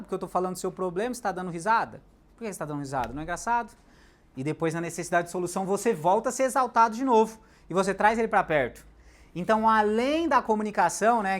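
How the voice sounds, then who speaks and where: A man giving a live sales lecture, animated, shifting loudness and pace for emphasis and throwing questions at the audience. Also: high voice. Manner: talks directly to the audience with questions.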